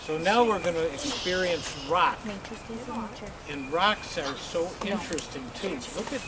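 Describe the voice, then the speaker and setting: An adult nature guide explaining things slowly and simply to young children on an outdoor hike by a lake. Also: mid-range voice, lively intonation. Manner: slow, patient, simple explanations with fillers. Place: outdoors by a lake and rock outcrop. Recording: loud outdoor noise.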